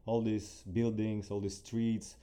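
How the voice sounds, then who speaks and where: Low, dark-voiced man with Ukrainian accent. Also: level tone, takes it slowly. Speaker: interview guest, athlete. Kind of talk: casual conversational interview answers.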